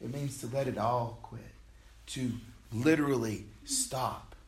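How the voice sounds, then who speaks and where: A man's voice: medium pitch, measured pace, a little mellow, rough recording. A man preaching a sermon, telling a scripture story with earnest emphasis that rises and falls.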